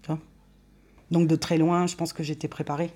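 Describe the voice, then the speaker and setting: A woman's voice: low-pitched, flat delivery, moderate pace, dark tone. A woman speaking hesitantly in a casual conversation, giving personal memories and directions.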